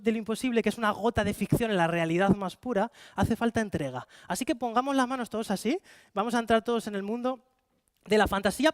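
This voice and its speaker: A Spanish man performing card magic at a rapid clip, his voice very high for a man. He coaxes volunteers with playful showman patter, and the sound is dry and close. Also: no room sound. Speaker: stage magician. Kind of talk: live card-magic show with audience volunteers. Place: conference hall with live audience.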